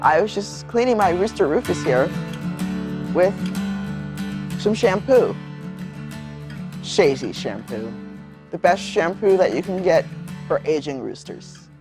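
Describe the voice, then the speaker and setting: A performer puts on a goofy infomercial salesman hawking shampoo for an aging rooster in slow, over-the-top patter. The pitch sits mid-range, and faint guitar music plays behind. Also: animated. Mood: hard sell.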